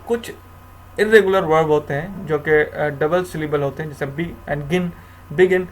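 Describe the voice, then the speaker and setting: A man's voice: on the high side, a little hiss or hum. A man giving a grammar lecture, explaining rules step by step in a mix of Hindi and English, often repeating himself and restarting. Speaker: teacher.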